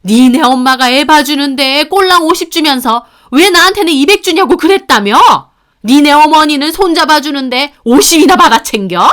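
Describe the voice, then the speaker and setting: A woman's voice: sits high, expressive, moderate pace, a bit bright, voice pushed up. A woman voicing a furious, bullying older mother-in-law who screams and scolds. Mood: screaming.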